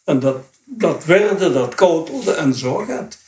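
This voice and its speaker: A man's voice: a little high, lively intonation, slow pace, darkish tone, slight background noise. A man in his late eighties with a broad Dutch Limburg accent, reminiscing in a rambling, colloquial way. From Dutch Limburg, Netherlands. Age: late 80s. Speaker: interview guest. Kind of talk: informal spoken reminiscence. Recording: echoey, roomy sound.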